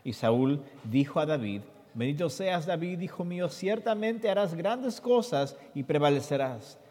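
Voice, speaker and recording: Male sermon interpreter, fairly high voice, expressive scripture reading, hall echo. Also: measured pace. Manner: expressive reading that jumps high in the quoted questions. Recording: long hall reverb.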